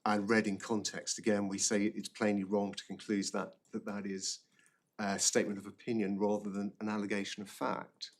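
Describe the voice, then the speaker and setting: A man arguing an appeal as a barrister, formally, halting and often repeating words. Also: lowish voice, flat delivery. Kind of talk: formal courtroom legal argument.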